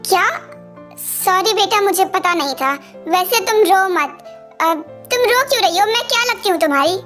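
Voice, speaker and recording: A woman's voice: very high voice, animated, moderate pace, faint music behind, full character voice. A woman dubbing a strict, scolding middle-aged mother in an amateur fan dub. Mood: stern. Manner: sharp, scolding, bossy.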